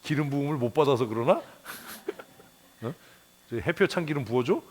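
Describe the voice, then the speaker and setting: A male pastor preaching a Bible devotional in a blunt, colloquial way, firing rhetorical questions, muttering curses and chuckling, his pitch jumping up at times. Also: animated, moderate pace, darkish tone. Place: church.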